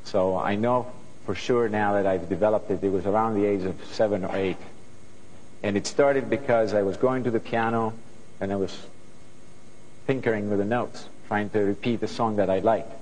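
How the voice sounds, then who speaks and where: A middle-aged Greek man, a guest composer, speaks earnestly and thoughtfully to students from a studio stage, often restarting his sentences. His voice is lowish and darkish, with fairly even intonation and a moderate pace. The lapel-mic recording is low quality and has a big-room sound.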